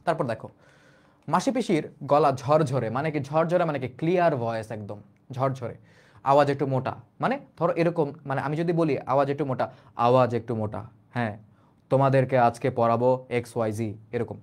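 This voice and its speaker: A man's voice: medium pitch, expressive, moderate pace. A young man with a Bangladeshi Bengali accent teaching a class, restating each line in plain everyday words and asking the students rhetorical questions. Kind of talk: explanatory class lecture.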